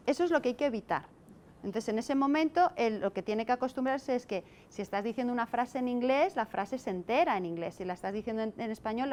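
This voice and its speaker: Teacher lady, slightly high voice, lively stories, faint rumble behind. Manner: lively storytelling, acts out children's voices. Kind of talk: casual panel chat.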